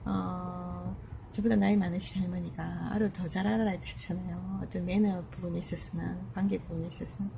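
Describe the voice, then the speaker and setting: A woman's voice: lowish voice, flat delivery, a little fast, creaky, warm tone, slight background noise. A woman caregiver telling a personal story in casual talk, hesitant with many fillers and restarts, acting out what others said.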